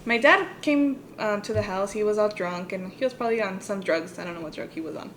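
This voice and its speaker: A woman co-hosting a podcast, telling a personal story and switching between English and Spanish mid-sentence. She rises high and loud when quoting her parents. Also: normal speed, slight background noise. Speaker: podcast co-host.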